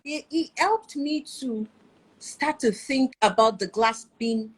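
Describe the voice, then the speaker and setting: High, husky woman, lively. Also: slow. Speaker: conversation partner. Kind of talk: casual conversation.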